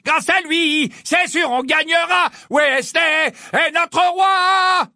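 A man putting on a crowd of fans who jeer in a slow, sing-song chant. It is shouted high above his normal voice and stretched out word by word. The recording is dry and close. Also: gravelly, no echo, full character voice. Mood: mocking. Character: jeering crowd of young sports fans. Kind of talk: audiobook character voice.

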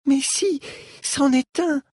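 A man voicing an eager, excitable young child in a storybook reading, with a high, breathless voice. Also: slow, dry recording, clean studio sound. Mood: insistent.

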